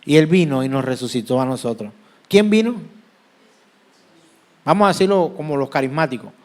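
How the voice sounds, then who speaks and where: High-voiced Colombian Caribbean preacher. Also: male voice, normal speed. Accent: Colombian Caribbean Spanish. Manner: lively preaching, asks the congregation questions and answers them himself. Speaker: pastor. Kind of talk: sermon.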